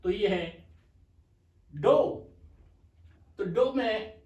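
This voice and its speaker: A man teaching a shorthand lesson, explaining patiently and repeating slowly for dictation, with terms spoken. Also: sits high, lively intonation, a little mellow, muffled recording. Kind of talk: slow explanatory lecture. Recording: echoey room, mic far off.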